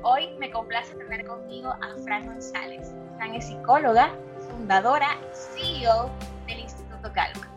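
A woman's voice: a little high, normal speed, over music. A woman hosting a podcast interview, welcoming her guest and asking questions. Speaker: podcast host.

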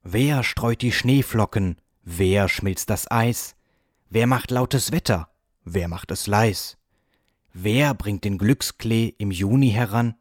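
A man doing a dreamy little mouse poet, soft and unhurried, kinda low voice, dry close sound. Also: no echo. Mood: reciting. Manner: gentle, unhurried, recites like a poem. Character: calm, dreamy male field mouse poet.

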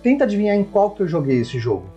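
A man, co-hosting a casual gaming chat, jokey and expressive. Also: high-pitched, quick pace, lo-fi sound, faint music behind. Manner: jokey, expressive, calls friend "irmão". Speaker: podcast co-host. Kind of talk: casual chat about video games.

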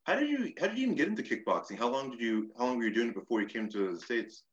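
A man's voice: mid-range voice, sing-song, rapid-fire. A man hosting a podcast, asking questions in a casual, upbeat interview chat. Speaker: podcast host. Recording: dull lo-fi sound.

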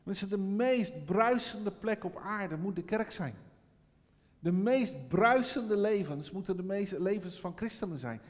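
A man's voice: sits high, lively intonation, unhurried, big-room sound. A middle-aged man preaching a sermon, telling a personal story and then rising into fervent preaching. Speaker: pastor.

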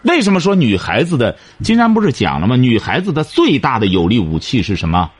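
A man's voice: mid-range voice, wildly swooping pitch, brisk, slightly rough. A man hosting a radio advice show, lecturing a caller in an emphatic, repetitive way.

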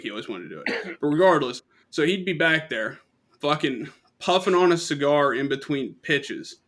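A man's voice: fairly high pitch, fairly bright tone. A young man casually telling rambling, profanity-laced stories on a podcast and laughing at his own jokes. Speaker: podcast co-host. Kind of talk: casual storytelling chat.

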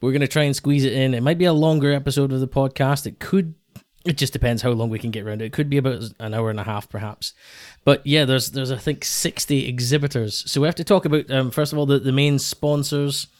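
A man hosting a podcast in casual talk, earnest and a little halting, often repeating his phrases. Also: medium pitch, steady tone, dry recording. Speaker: podcast host.

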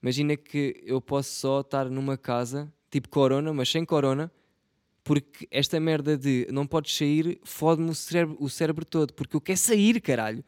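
A man's voice: fairly high pitch, normal speed, darkish tone, no room sound, clean studio sound. A young man with a European Portuguese accent, rambling through a casual solo podcast in a self-mocking, slangy and profane way. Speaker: podcast host.

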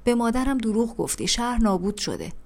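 A woman's voice: on the high side, sing-song, a little mellow. A woman reading aloud, voicing a grieving young boy who speaks bluntly and reproachfully. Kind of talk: audiobook reading.

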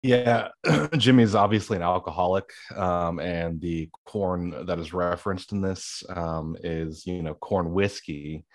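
A man playing a deep, earnest debate candidate. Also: fairly even intonation, measured pace, dry recording, studio quality. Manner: earnest, hesitant, filler-heavy. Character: earnest low-voiced male debate candidate.

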